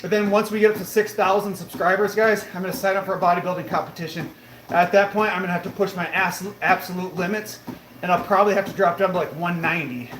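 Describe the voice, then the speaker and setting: A man in his late thirties runs a live stream from the treadmill in his home, replying to viewer comments with upbeat, motivational energy. His voice sits high and fairly bright, with fairly even intonation and a fast delivery. The indoor room gives a roomy echo, with faint background noise.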